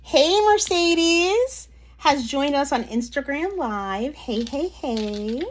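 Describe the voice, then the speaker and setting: Sitting high with lively intonation, this woman's voice takes its time, over slight background noise. She's hosting a casual live stream showing nail polish, talking with viewers, reading their comments out loud and drifting off topic easily.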